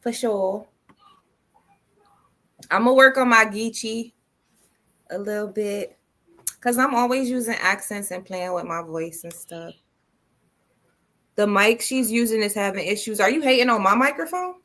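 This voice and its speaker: A woman hosts a podcast in a casual, unfiltered way. She speaks in a mid-range voice, slangy and playful, and she swears freely. The chat runs loose and relaxed. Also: medium pitch, unhurried, pauses often. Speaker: podcast host.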